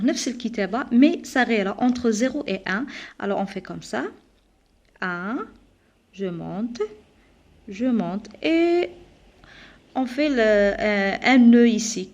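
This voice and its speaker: A young woman teacher with an Algerian accent, patiently explaining a French lesson to young pupils and mixing in Arabic. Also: on the high side. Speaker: primary school teacher.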